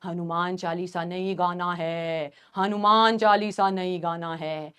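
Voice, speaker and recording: A woman voicing a possessed young college woman in a slow, low, creepy drawl. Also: fairly even intonation, a bit bright, clean tone. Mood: eerie.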